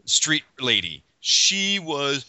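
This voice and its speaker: Animated, teasing male podcast host. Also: fairly high pitch, very slow, no room sound. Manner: animated and teasing, cuts others off. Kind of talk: casual panel chat. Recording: dull, dry podcast audio.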